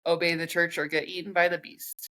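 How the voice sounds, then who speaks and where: A woman with a slightly low voice co-hosts a podcast, chatting casually. She tells her stories in a joking, rambling way. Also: flat delivery, a little fast, bright, forceful tone. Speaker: podcast co-host. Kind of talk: casual chat.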